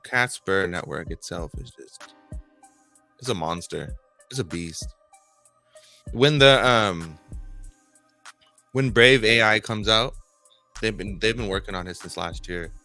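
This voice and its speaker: A man's voice: on the low side, lively intonation, takes it slowly, long pauses, sharp tone, faint music behind. A man hosting a casual group chat about crypto, enthusiastic and rambling, laughing easily.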